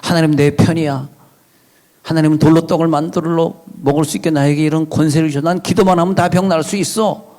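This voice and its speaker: A man's voice: on the high side, steady tone, a little fast, darkish tone, voice pushed up, lightly acted. A pastor voicing a smug, overconfident believer who boasts that God is on his side. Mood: boastful. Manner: boastful, defiant.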